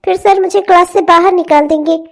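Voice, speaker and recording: A woman's voice: very high voice, steady tone, fairly quick, vocal fry, pitched below the performer's own voice. A woman voicing a meek, mistreated teenage stepdaughter in a cartoon, timid and pleading. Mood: hurried. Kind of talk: cartoon voice acting.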